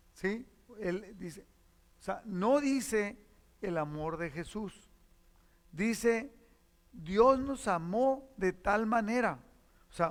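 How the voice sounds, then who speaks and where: A man's voice: high voice, long reverb tail. A man preaching a sermon as pastor, reading verses and explaining them, repeating key phrases to teach.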